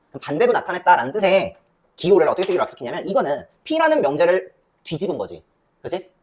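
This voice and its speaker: Young woman math teacher, rising and falling voice, quizzes and answers herself. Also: lowish voice. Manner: lively, asks and answers her own questions. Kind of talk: classroom lecture.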